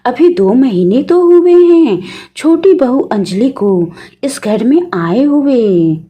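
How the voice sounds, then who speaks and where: A woman's voice: high-pitched, expressive, slow pace, warm tone, husky, exaggerated voice. A woman voicing a caring, worried mother-in-law questioning what is wrong. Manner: concerned questioning.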